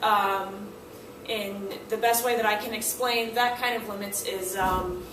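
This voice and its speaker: A woman's voice: mid-range voice, measured pace, background noise. A woman language teacher explaining classroom signals and acting out what students and the teacher say. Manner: animated, acts out student and teacher lines in quotes. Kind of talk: classroom instruction. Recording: echoey room, mic at a distance.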